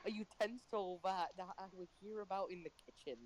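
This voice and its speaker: A man's voice: high-pitched, steady tone, a little fast, a little hiss or hum, poor audio. A man co-hosting a casual podcast, laid-back and filling his talk with likes and yeahs. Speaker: podcast co-host.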